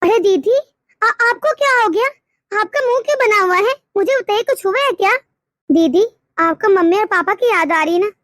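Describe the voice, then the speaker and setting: A woman's voice: very high voice, moderate pace, a bit bright, dry recording, studio quality. A woman voicing a grumbling, accusing sister-in-law in a cartoon story. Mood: resentful.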